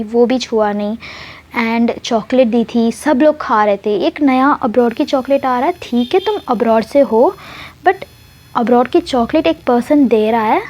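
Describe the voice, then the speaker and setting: A woman's voice: a little high, darkish tone. A woman voicing a young female student who questions insistently and directly in a spoken love story.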